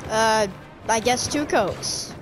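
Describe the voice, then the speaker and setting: A chatty woman talks her way through a video game match in casual commentary, her voice sitting a little high. She reacts loudly to every twist of the game. Game music plays clearly behind her. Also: slow. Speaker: gamer. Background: game music and sound effects.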